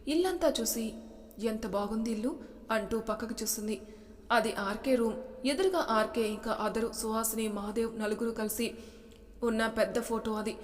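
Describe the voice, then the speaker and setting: A woman's voice: fairly high pitch, moderate pace. A woman narrating a romance story, reading every character's lines herself. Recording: long hall reverb.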